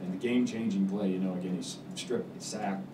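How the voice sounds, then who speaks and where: A man in his forties, a head football coach answering post-game press questions in a measured, halting way with many fillers. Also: low voice, fairly even intonation. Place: press room with backdrop, indoors. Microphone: table mic on stand. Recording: roomy, distant mic, background noise.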